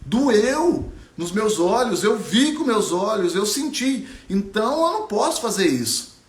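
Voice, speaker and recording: A man's voice: high-pitched, big pitch swings, unhurried, echoey room, pitched above the performer's own voice. A man voicing a young, stubborn dreamer bird girl. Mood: distraught. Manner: insistent, pleading.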